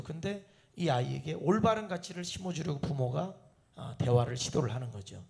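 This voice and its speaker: At an evening prayer meeting, a pastor with a high, lively, gravelly voice preaches a sermon. He poses rhetorical questions to the congregation and acts out family conversations, switching voices for each part.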